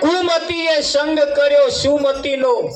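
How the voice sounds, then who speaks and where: A man's voice: very high-pitched, fairly even intonation, slow pace, loud music behind the voice. A man telling a parable as a folksy sermon, repeating lines and chuckling as he goes. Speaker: spiritual speaker at a devotional gathering. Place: devotional gathering. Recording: echoey room from a distance.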